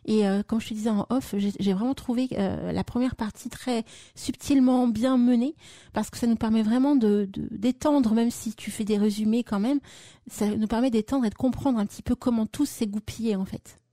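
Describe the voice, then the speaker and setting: A woman hosts an evening radio show, chatting easily with her guest and turning often to the listeners. Her voice is a little higher than average. The sound is dry and close, with no room around it. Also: normal speed, no room sound. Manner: warm chatty address to listeners. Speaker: radio host.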